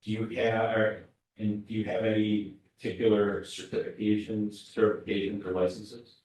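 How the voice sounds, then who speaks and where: A man questioning a witness in court, asking halting questions with frequent restarts, heard as a courtroom recording. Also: lowish voice, little pitch movement, a little mellow. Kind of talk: courtroom examination. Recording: very echoey courtroom audio from far off.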